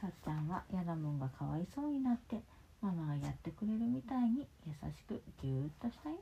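A woman reading a picture book aloud to her child at home, animated and stopping to talk with the child. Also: on the low side, quick pace, gravelly. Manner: animated, talks with the child between pages. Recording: muffled lo-fi with faint hiss.

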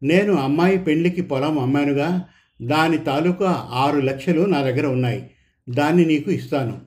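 A man voicing a kind, steady schoolteacher who gently reassures his friend in a read story. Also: fairly high pitch, moderate pace, lightly acted. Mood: reassuring.

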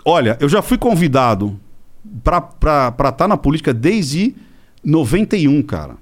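A middle-aged man with a Brazilian accent, a podcast guest telling a story in a casual, animated way, acting out the people he quotes and swearing freely. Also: on the high side, moderate pace. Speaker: podcast guest, body-language specialist.

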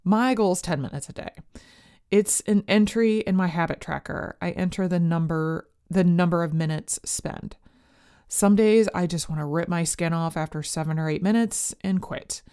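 Female podcast host, lowish and soft-edged, calm, measured delivery suited to talk and guided meditation. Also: clean tone.

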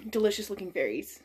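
A woman's voice: medium pitch, mellow, slightly rough. A woman co-hosting a podcast, chatting about a book in a rambling, hesitant way with lots of fillers. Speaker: podcast co-host. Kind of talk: casual book-club chat.

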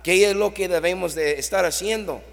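A man's voice: sits high, moderate pace, gravelly, long reverb tail. A man preaching a sermon as pastor, reading scripture aloud and rising and falling in volume.

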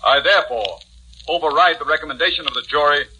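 An actor playing a stern, pompous judge who also narrates, in 1940s radio acting. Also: male voice, on the high side, fast, sharp tone, a little hiss or hum, rough recording. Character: stern, pompous middle-aged male judge.

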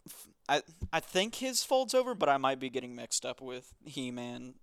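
A man's voice: medium pitch, very animated, moderate pace, a bit bright, smooth, dry recording. A man hosting a podcast, casually recapping a comic in a wry, dismissive way. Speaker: podcast host.

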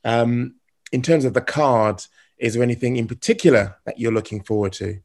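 A man hosting a casual podcast, asking questions in a relaxed way with frequent pauses. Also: medium pitch. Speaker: podcast host.

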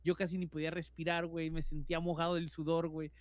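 A Mexican man with a high voice, co-hosting a podcast and spinning a scary story in relaxed everyday speech. He fills nearly every phrase with slang and mimics the sounds himself. The recording is dry and close. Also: quick pace, smooth, no room sound. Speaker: podcast co-host. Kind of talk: casual horror storytelling.

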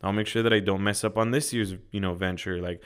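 A man's voice: fairly low pitch, steady tone, quick pace, smooth. A man in casual podcast chat, emphatic and full of "like", with some swearing. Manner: emphatic, frequent filler "like", occasional swearing. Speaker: podcast co-host.

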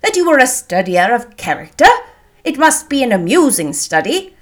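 A woman voicing an amiable, courteous young gentleman in a period novel, earnest and emphatic. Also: on the high side, very animated, normal speed, voice pushed up. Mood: curious.

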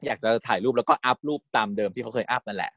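This time the recap host's voice is lowish and a bit bright, and he races through a TV episode in studio-quality sound with no echo. Giggling and chatty, he slips into quoting the characters as he recounts the story casually.

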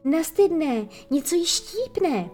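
A woman doing a worried boy, objecting, anxious, high voice. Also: sing-song, dark tone, soft background music.

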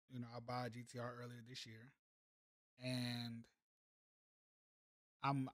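A man's voice: mid-range voice, no echo. A man, telling a motivational story in a casual, slangy way as a podcast host. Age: 30s. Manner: laid-back, conversational, slangy.

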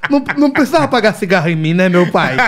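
A man's voice: high-pitched, big pitch swings, racing. A man in his twenties hosting a casual podcast chat, joking and laughing often. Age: 20s. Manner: jokey, laughs often, short reactions.

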